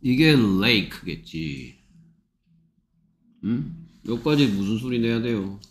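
A man's voice: fairly low pitch, very animated, slow, reverberant. A man tutoring English phonics one-on-one, drilling sounds over and over with an impatient, repetitive manner.

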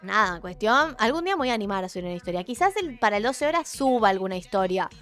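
A woman's voice: mid-range voice, big pitch swings, quick pace, a bit bright. A young woman with an Argentine accent, chatting casually on a livestream, rambling, joking and poking fun at herself in slangy talk. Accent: Argentine Spanish. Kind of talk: casual live-stream chat. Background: faint music.

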